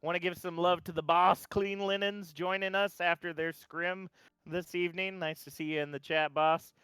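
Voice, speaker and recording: A man casting a live esports match, chatty and relaxed, with frequent fillers and restarts. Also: sits high, normal speed, smooth, no echo, low-quality recording. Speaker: esports caster. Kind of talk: live play-by-play commentary.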